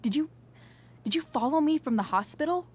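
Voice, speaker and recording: Voicing a hard-edged, wary, foul-mouthed teen girl for a video game, an actress delivers husky, muttered, halting lines. Here her voice sits high, expressive and a little mellow, with a defensive, uneasy mood.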